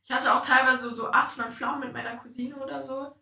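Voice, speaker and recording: An eighteen-year-old woman chatting as a podcast guest, jumping quickly into the conversation. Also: high-pitched, fairly even intonation, vocal fry, pushed and bright, recorded from a distance. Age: teens. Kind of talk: casual conversation. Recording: echoey room, off the mic.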